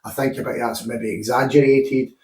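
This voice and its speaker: A man's voice: mid-range voice, fairly even intonation, moderate pace, a little mellow, roomy sound. A Scottish man hosting a casual podcast chat, talkative and swearing freely. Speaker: podcast host and gym owner.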